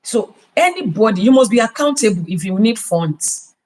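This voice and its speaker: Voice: medium pitch, lively intonation, normal speed, a little mellow, low-quality recording. A podcast host with a Nigerian accent giving business advice, emphatic and full of rhetorical questions. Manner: emphatic, repeats key words.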